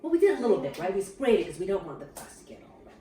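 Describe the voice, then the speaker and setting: A woman's voice: mid-range voice, sing-song, very fast. A woman from Burma, a mother, casually explaining a family cooking activity at home to her children's classmates. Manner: warm explaining to schoolchildren, chatty with fillers. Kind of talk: casual home video narration. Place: home kitchen. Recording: echoey kitchen, camera far off, noisy.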